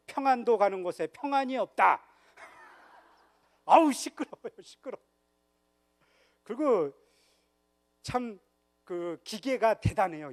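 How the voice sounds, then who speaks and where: Man, high voice, lively church-retreat lecturer who teases the crowd with questions. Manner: jokes and quizzes the audience. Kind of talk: humorous church history lecture. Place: church hall.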